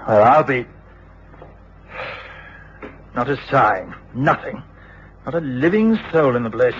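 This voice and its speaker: An English actor playing a blustering, excitable police inspector in an old British radio drama. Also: male voice, mid-range voice, slow pace, slight background noise. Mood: brisk, baffled. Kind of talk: 1950s-60s British radio drama acting. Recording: dull old radio recording, busy crowd-like background.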